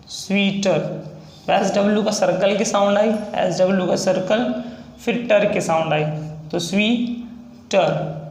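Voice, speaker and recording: A man's voice: sits high, gravelly, echoey room. A man teaching a shorthand lesson in a casual, repetitive style. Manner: explains slowly, repeats sounds and steps.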